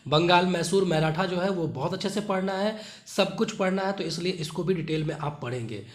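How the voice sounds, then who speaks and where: A man's voice: high voice, fairly quick, roomy sound. A man teaching exam students which chapters to study, repeating points and checking in with short tag questions. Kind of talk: study guidance lesson.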